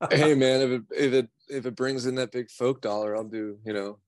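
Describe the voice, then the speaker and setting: This American singer-songwriter from New York City talks fairly quickly in a mid-range, slightly mellow voice with fairly even intonation and no echo. His interview chat is casual, meandering, slangy and self-deprecating.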